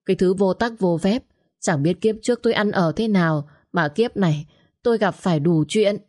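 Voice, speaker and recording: A woman voicing a domineering older mother-in-law who scolds and hurls insults in quick bursts. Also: medium pitch, expressive, a little mellow, close to an everyday voice. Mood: bitter, complaining.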